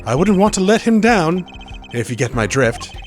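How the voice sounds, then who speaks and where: A man voicing a composed senior defence lawyer from a video game, measured, formal and dryly teasing. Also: high voice, very animated, soft background music, voice pushed up.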